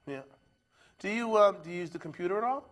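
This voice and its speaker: A man's voice: high-pitched, expressive, fast talker, fairly bright tone. A man hosting a local TV arts show, chatting casually and joking with a guest. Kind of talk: casual interview chat.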